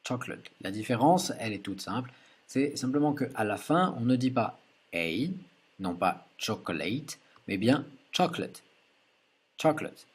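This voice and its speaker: A man teaching English pronunciation who calmly adds a correction to his lesson, speaking patiently and plainly. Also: medium pitch, normal speed, breathy edge. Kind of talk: explanatory video lesson.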